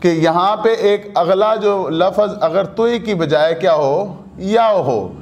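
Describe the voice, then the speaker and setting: A man teaching a language lesson from a studio, explaining rules deliberately, repeating key terms and asking himself questions before answering them. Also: high-pitched.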